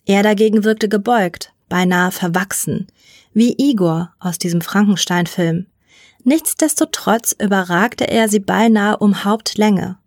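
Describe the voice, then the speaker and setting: A woman narrates a science fiction short story in an even, measured reading voice. Her pitch sits in the middle range. The recording is dry, with almost no room sound. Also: no room sound. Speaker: story reader.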